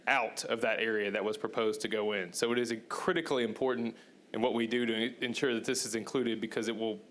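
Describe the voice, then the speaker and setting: A man on the city council making measured, earnest remarks to support a bill. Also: lowish voice, steady tone, a bit bright, a little hiss or hum. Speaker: council member.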